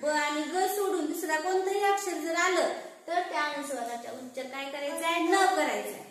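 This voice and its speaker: A woman teaching a class, drawing words out slowly, repeating them and quizzing her students. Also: high-pitched, fairly bright tone. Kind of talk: classroom lesson on reading and writing. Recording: very echoey room.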